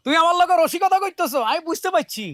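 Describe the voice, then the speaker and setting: Casting note: eager village groom, high, quick, very animated delivery. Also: male voice, no room sound, studio quality. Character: excitable newly married village man, boastful.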